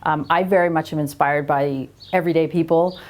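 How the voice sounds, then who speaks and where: A woman's voice: low voice, steady tone, fairly quick. A woman talking casually in an interview as a photographer, explaining in loose, informal phrases.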